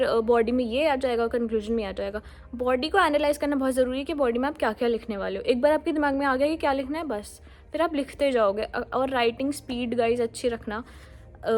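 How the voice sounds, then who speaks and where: Higher-voiced woman giving exam tips. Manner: mixes Hindi with English words, friendly and direct. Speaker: exam prep tutor. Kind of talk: casual spoken advice to viewers.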